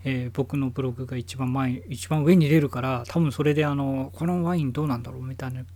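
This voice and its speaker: A man's voice: medium pitch, fairly even intonation, quick pace, warm tone, no room sound. A man hosting his own podcast from home, rambling casually with many fillers. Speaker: podcast host. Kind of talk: casual solo podcast talk.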